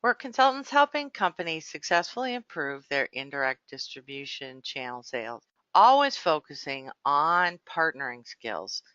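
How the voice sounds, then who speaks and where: A woman's voice: low-pitched, sing-song, normal speed, bright, forceful tone, no echo, dull audio. A woman hosting an interview podcast, speaking articulately and addressing her guest and listeners in a formal way. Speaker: podcast host. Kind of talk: scripted podcast introduction and interview.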